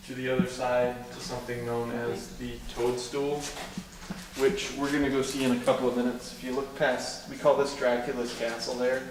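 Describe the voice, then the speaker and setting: A man gives an informal guided tour, explaining each feature in an even, little-varying voice. Heavy cave echo surrounds him, and he is picked up from well away from the microphone. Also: medium pitch. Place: inside a cave. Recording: echoing cave, distant mic, clear noise.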